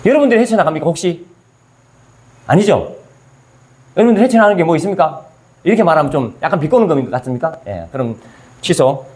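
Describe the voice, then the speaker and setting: A man's voice: a little high, lively intonation, quick pace, pauses often, a little mellow. A male pastor preaching a sermon. He asks his listeners questions and answers them himself, and he acts out scripture in casual everyday speech.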